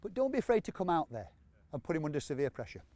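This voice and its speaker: A man coaching players on an outdoor training pitch, encouraging them and repeating short commands. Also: very animated, racing, dark tone, no room sound. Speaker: football coach. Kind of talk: on-field coaching instruction.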